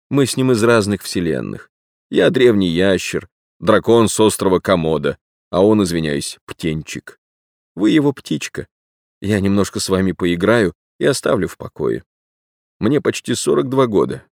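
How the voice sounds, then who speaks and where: A man reading an audiobook plays a frank, wistful man of about forty-two who speaks earnestly and gravely. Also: sits low, darkish tone, no echo, studio quality, heavily acted. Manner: earnest, grave, sentimental confession.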